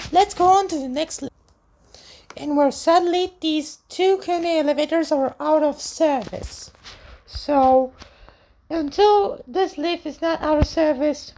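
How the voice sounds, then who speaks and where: A woman's voice: high-pitched, gravelly, darkish tone. A woman giving casual, simple running commentary as she presents a lift tour, recorded on location in a shopping centre. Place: shopping centre lifts and walkways. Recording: noisy handheld on-location recording.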